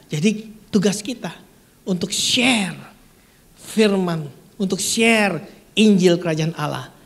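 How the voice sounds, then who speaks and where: A preacher giving a live-streamed church sermon, swinging from loud peaks to hushed lines and asking the congregation questions. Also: mid-range voice.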